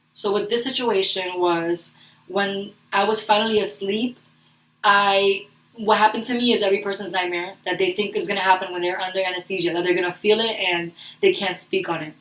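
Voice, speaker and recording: A young woman telling a personal story in a vlog. She talks in a rushed, earnest way and often restarts her sentences. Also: mid-range voice. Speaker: vlogger. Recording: roomy echo, distant from the mic.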